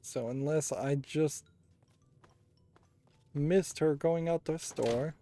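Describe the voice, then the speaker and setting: A man's voice: fairly high pitch, slow pace, mellow. A man giving casual, analytical video game commentary, musing aloud as he plays. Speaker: host of a video game playthrough. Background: game music.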